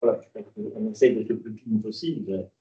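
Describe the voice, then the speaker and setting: A man speaking as a council member, hedging his points with repeated fillers, recorded with dull low-fidelity sound. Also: brisk, dark tone. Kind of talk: council debate.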